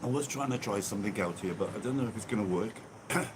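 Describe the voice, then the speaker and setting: Speaking quickly in a voice on the low side, an English man chats casually on an outdoor phone live stream, a church in view behind him. Bubbly, he reads viewer comments aloud with the phone held in front of him. Background noise is audible.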